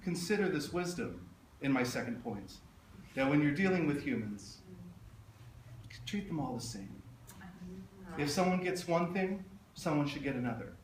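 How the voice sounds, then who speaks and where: A man giving a funeral eulogy as a public speech, in a tender, measured, halting way with pauses. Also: fairly high pitch, sing-song. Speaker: eulogist speaking at his mother's funeral. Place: echoey room, speaking to a gathering. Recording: roomy echo, distant mic, faint noise.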